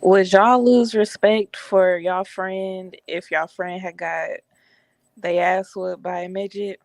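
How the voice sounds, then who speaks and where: A woman's voice: mid-range voice, fairly even intonation, takes it slowly, no room sound, studio quality. A woman, teasing and blunt. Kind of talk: casual chat.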